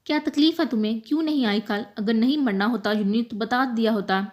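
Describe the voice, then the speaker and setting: A woman doing a sharp, scolding young friend. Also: a little high, lightly acted.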